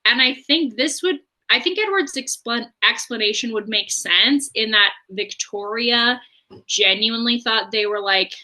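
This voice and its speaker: A woman's voice: on the high side, measured pace, sharp tone. A woman co-hosting a book podcast, recapping chapters in a chatty way with frequent fillers. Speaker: podcast co-host. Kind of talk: casual book discussion.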